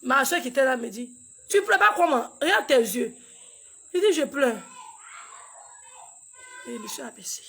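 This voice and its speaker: A woman, a mother, tells a painful personal story in a halting, repetitive way, acting out what each person said. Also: high voice, expressive, breathy edge. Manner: halting and repetitive, acts out dialogue. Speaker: grieving mother recounting a loss.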